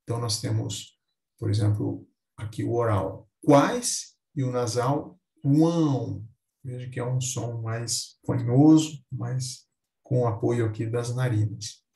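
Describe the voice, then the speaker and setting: A man teaching a Portuguese grammar lesson, speaking slowly and deliberately and stressing each example word. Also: mid-range voice, flat delivery, gravelly, dark tone, echoey room.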